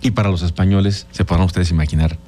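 A man's voice: sits low, fairly even intonation, fast, mellow, a little hiss or hum. A Mexican man hosting a radio show, giving an explanatory reflection and turning to his listeners with frequent tag questions. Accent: Mexican Spanish. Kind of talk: reflective talk.

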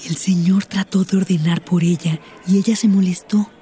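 Playing Patty in a scripted teaching dialogue, a woman with a Mexican Spanish accent explains things earnestly. Her voice sits on the low side and sounds mellow, with fairly even intonation and a normal pace.

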